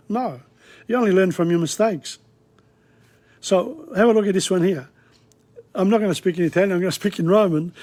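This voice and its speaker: A man's voice: high-pitched, a little mellow. A man teaching an informal language lesson, talking in a rambling, digressive, chatty way. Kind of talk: casual spoken lesson. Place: Australia.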